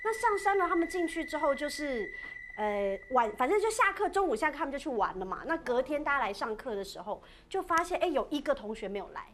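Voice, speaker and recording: A woman casually telling a ghost story on a podcast, chatty and animated, with many filler particles. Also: sits high, fast talker, slight background noise. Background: background music.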